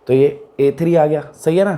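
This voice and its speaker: Speaking a little fast in a dark, slightly high voice, a man teaches a math class in a laid-back way. He checks comprehension by repeatedly asking if students are following.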